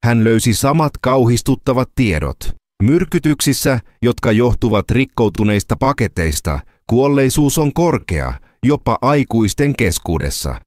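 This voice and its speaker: A man narrating a scripted dramatic story in a lively, storytelling manner. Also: mid-range voice, no room sound, clean studio sound.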